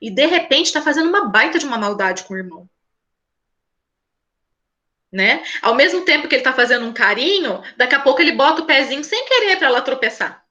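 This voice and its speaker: A woman educator talks to a group of parents in a high, bright, lively voice. She keeps it conversational and checks in with frequent little tag questions. Now and then she acts out a child's words in her examples. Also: brisk, dull audio. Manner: conversational, asks "né?" often. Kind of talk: talk at a parents' school session.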